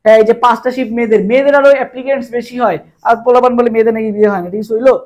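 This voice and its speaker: A man's voice: extremely high pitch, fairly even intonation, racing, highs cut off. A young man with a Bangladeshi Bengali accent tutoring for an admission exam in a live online lesson, quizzing viewers over and over and drilling answers with memory tricks. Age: young adult.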